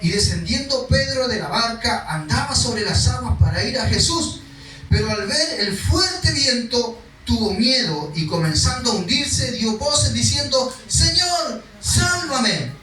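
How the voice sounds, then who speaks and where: High-voiced pastor preaching in an echoey hall. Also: male voice, lively intonation, measured pace, pushed and bright, far from the mic, faint music behind. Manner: reads scripture then explains it conversationally, acting out cries. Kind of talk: sermon. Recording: echoey hall, speaker away from the mic.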